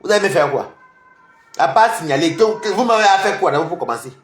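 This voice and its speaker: A man delivering a confrontational online rant, taunting and mocking his rivals, repeating himself and swinging between loud outbursts and low mutters. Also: animated, quick pace. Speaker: social media commentator. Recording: echoey room.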